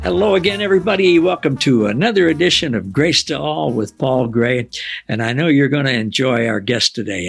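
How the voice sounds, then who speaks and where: A man's voice: mid-range voice, vocal fry, fairly bright tone. An older man hosting a faith podcast in an upbeat, welcoming way. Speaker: host.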